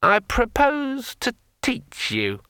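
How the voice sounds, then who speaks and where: A man voicing a pushy, chatty male magic sword in a thin, high, ringing voice, drawn out and bossy. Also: huge pitch swings, slow, sharp tone, smooth, dry recording, exaggerated voice. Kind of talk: audiobook character voice.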